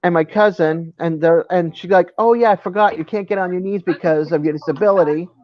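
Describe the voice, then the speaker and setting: High-pitched guy on a live chat, dry dull sound, chatty storyteller. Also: a little fast, no room sound. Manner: animated storyteller, laughs often.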